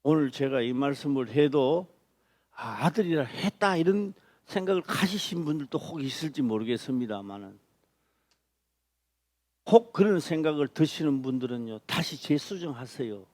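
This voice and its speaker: A man preaching a sermon as a pastor, speaking emphatically with repeated phrases and sudden loud stress. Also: medium pitch, expressive, moderate pace, dry recording. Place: church.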